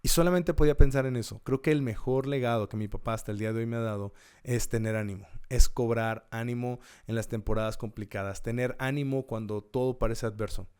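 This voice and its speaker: A man's voice: medium pitch, brisk, a little mellow, clean tone. A man hosting a podcast, giving an earnest, encouraging devotional talk and repeating key words with rising emphasis. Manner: occasional restarts and self-corrections.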